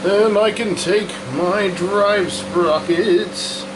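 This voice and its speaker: Male DIY host, slightly high voice, casual and folksy, narrating his own hands-on work in a workshop with a fan humming clearly behind him. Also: extremely slow. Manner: folksy, talking himself through each step. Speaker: host of a hands-on repair video. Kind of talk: casual how-to commentary while working. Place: hot workshop with a fan running. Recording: constant fan and hum noise behind voice. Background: running fan, steady hum.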